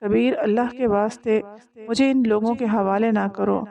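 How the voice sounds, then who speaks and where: A young mother in a narrated story pleads and weeps, asking to be forgiven, as a woman reading it voices her. The tone is mellow and soft rather than bright. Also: fairly high pitch, fairly even intonation, creaky. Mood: pleading. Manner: tearful, imploring.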